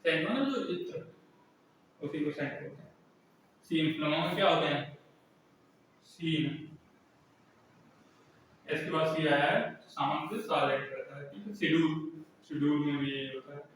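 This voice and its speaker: A man's voice: fairly high pitch, normal speed, pauses often, fairly bright tone. Guy teaching class, keeps asking then answering himself, faint hiss, roomy echo. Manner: repetitive, asks and answers his own questions. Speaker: English teacher. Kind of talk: classroom lesson. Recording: echoey room, mic far off.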